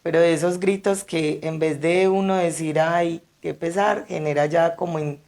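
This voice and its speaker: A woman's voice: low-pitched, normal speed. A woman who works at funerals, telling anecdotes in an interview and animatedly acting out the people in them. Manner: animated, acts out quotes. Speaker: funeral service worker.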